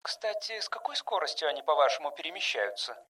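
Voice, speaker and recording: A man voicing a cautious, skeptical female ship engineer who speaks in a quiet murmur. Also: on the high side, animated, quick pace, far from the mic, voice pushed up. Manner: hushed, murmured.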